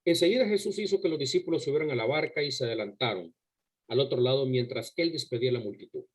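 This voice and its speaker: Husky-voiced male preacher, emphatic. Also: medium pitch, quick pace, poor audio. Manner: emphatic, asks the listeners rhetorical questions; repeats words and restarts while preaching. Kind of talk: sermon to a congregation. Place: church service before a congregation.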